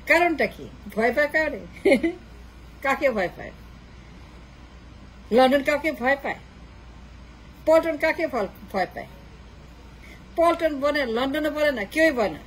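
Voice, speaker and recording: A woman's voice: high voice, lively intonation, slow, long pauses, slight background noise, poor audio. A woman delivering a political monologue, mocking with repeated rhetorical questions. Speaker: political commentator.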